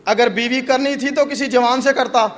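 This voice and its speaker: A man's voice: high-pitched, steady tone, natural voice. A preacher playing a scolding old village woman. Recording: echoey mosque hall.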